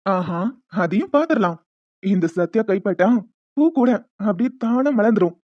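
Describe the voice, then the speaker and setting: A woman's voice: medium pitch, animated, normal speed, no room sound, natural voice. Woman voicing a smug leering young cad, cartoon. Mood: taunting. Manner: taunting, teasing. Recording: dull lo-fi with music behind.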